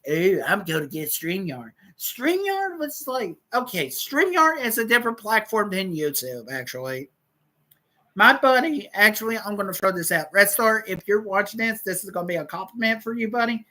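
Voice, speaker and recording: Woman livestream host, rambling and profane, bright lively delivery with a slightly high voice. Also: moderate pace, poor audio. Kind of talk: casual livestream storytelling.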